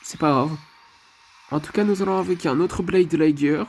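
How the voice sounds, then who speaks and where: A man's voice: a little high, normal speed, a little mellow. A man giving casual commentary over his mobile game match, chatty and leaning on filler phrases. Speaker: mobile game channel host.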